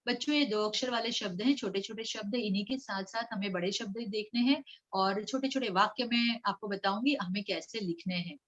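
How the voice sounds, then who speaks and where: A woman teaching Hindi to young children in a coaxing, sing-song way, sounding out syllables slowly. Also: mid-range voice, a bit bright, dull audio. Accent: Mumbai Hindi. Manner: slow syllable-by-syllable reading for repetition. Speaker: primary school Hindi teacher. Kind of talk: online children's lesson with slides.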